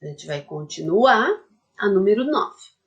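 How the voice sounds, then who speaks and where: A primary school teacher with a mid-range, animated voice takes her time teaching young children, and the highs in the recording are cut off. She is patient, checks in with the class often using "tá?", and spells a word out syllable by syllable. Her speech is full of diminutives.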